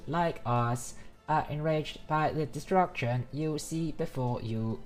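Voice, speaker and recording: A woman voicing a stern heroic commander who delivers a long, formal speech in a measured orator's manner for a game. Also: low voice, a little mellow.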